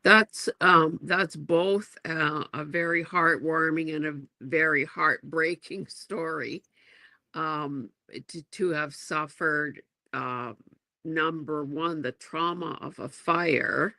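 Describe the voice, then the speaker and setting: A woman hosting a livestream interview, responding slowly and thoughtfully with many fillers. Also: low-pitched, fairly even intonation, bright, forceful tone, dry recording. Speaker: host.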